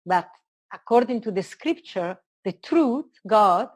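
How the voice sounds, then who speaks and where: A woman's voice: mid-range voice, expressive, slow pace. A woman with an Italian accent shares spiritual teaching in a conversation. Her voice sits in a middle register. She is earnest and expansive, building each idea phrase by phrase. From Italy. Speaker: spiritual teacher being interviewed.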